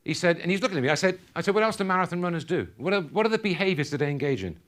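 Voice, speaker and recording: A man's voice: high-pitched, animated, rapid-fire, fairly bright tone. A man giving a motivational keynote at a conference, quizzing the audience in call-and-response fashion. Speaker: keynote speaker. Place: conference hall.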